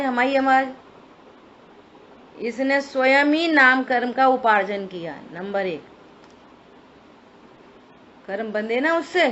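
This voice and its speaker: A scripture teacher, a woman with a high, slightly bright voice, gives a religious study talk, explaining step by step and putting rhetorical questions to her listeners. The recording is dull and lo-fi, with a faint hiss.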